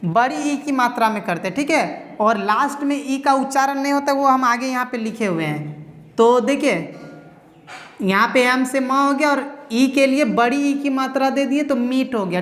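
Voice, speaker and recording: A woman's voice: high-pitched, long reverb tail. A woman teaching English pronunciation at a whiteboard, explaining each rule patiently step by step. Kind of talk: whiteboard lesson.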